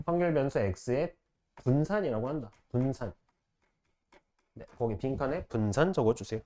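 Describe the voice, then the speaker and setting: A man teaching math to a class, firing short questions at students and repeating key phrases slowly. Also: mid-range voice, darkish tone. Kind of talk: classroom lecture.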